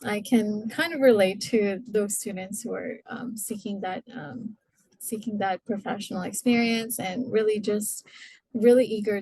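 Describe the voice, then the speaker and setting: Husky, creaky woman on a panel. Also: medium pitch, warm tone, dry recording, low-quality recording. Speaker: employer panelist. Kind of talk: informal panel advice.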